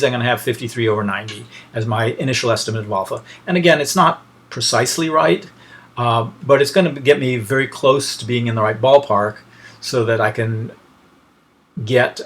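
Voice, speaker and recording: Talking through steps aloud like a lecturer, a man delivers a casual technical lesson, frequently stopping partway through sentences while he looks for the right word. His voice is mid-pitched and a bit bright.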